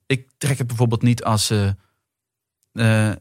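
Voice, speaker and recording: A man's voice: mid-range voice, fairly even intonation, measured pace, no echo. A man in his forties, a guest actor and writer, telling personal stories in a casual talk. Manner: thoughtful anecdotes, many fillers. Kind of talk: casual chat.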